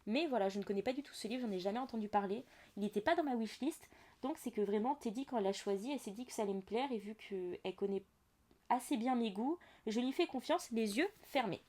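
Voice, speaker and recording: A woman's voice: a little high, expressive, fast talker, darkish tone. A young woman hosting a casual book podcast, chatty and full of asides and fillers. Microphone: audio-only podcast mic.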